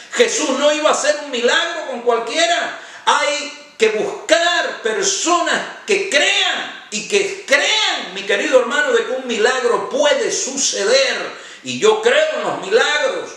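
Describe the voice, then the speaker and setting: A man's voice: extremely high pitch, fairly bright tone. A man, a pastor, preaching a sermon emphatically and stretching out stressed words. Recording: very echoey, from far off.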